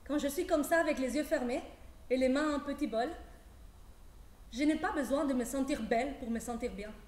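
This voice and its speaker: A woman giving a measured, poetic theatrical monologue on stage. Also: high-pitched, darkish tone, roomy sound. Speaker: stage performer.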